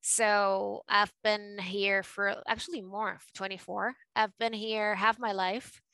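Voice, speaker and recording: A Venezuelan-born woman with a New York tinge speaks in a bright, crisp voice. She talks in quick, lively bursts as an interview guest. The sound is close and dry. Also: medium pitch, no room sound, low-quality recording. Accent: Venezuelan Spanish mixed with New York. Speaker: podcast guest, art advisor. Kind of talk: casual interview talk.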